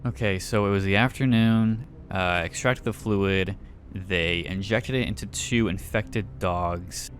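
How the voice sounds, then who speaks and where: A man's voice: low voice, steady tone, measured pace, faint music behind. A man giving casual let's play commentary, thinking aloud and reading game notes. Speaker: gaming YouTuber.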